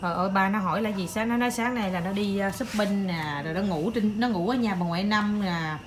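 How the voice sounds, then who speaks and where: A mother chatting with her small child in a home vlog, animated and coaxing, with English words mixed into her talk. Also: mid-range voice, brisk, slight background noise. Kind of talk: casual home vlog chat.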